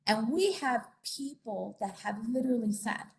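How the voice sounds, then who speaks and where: This investigator from Puerto Rico speaks conversationally while presenting information, with plenty of fillers and tag questions, in a meeting or conference room. Her voice is on the high side and a little mellow, with lively intonation at normal speed. A faint hiss or hum is present.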